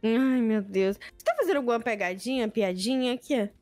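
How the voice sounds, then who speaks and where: A woman's voice: a little high, brisk, darkish tone, soft background music. A woman with a Brazilian Portuguese accent in a playful game roleplay, sweet and teasing. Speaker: roleplay co-player.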